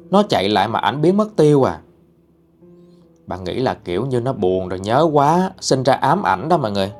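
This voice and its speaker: A man with a Southern Vietnamese accent narrating a ghost story in a casual, chatty way, talking straight to his listeners. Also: mid-range voice. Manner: chatty, addresses listeners directly.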